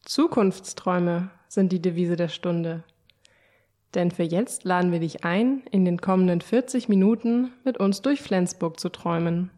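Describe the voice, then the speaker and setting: A woman co-guiding a scripted audio walk, speaking in a gentle, reassuring and inviting way. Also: on the low side, steady tone, unhurried. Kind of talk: scripted narration.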